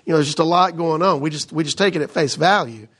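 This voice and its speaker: A man's voice: fairly high pitch, fast, very noisy. A middle-aged man teaching a casual Bible study, reading passages aloud and explaining them conversationally, often checking in with "right?". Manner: conversational, reads scripture then explains with frequent "right?".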